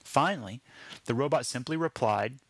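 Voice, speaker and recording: A man narrating his own short story in a wry, deadpan storytelling manner. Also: medium pitch, normal speed, husky, no echo.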